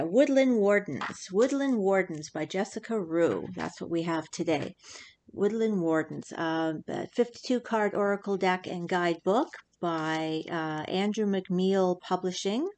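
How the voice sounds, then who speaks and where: A woman reviewing a tarot deck in a chatty, rambling way, full of fillers and restarts, her voice a bit hoarse from incense smoke. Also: on the low side, a little hiss or hum. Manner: chatty, self-interrupting, lots of fillers. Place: indoors at home, incense burning.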